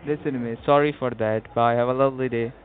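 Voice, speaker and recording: A young man making a prank call, speaking halting, repetitive broken English. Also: mid-range voice, steady tone, noisy background. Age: young adult. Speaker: prank caller. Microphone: telephone. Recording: tinny phone line.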